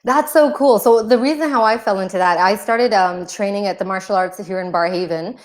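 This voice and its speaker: A woman's voice: medium pitch, a little fast. A woman hosting a casual interview, enthusiastic, with many "you know" fillers. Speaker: interviewer host.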